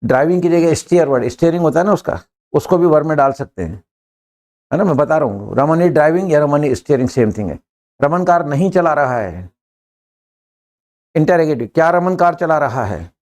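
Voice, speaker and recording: Older man, classroom English teacher, slightly high voice, brisk, jokey, drills his students fast. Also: expressive, darkish tone. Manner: brisk, joking, urging students to answer fast.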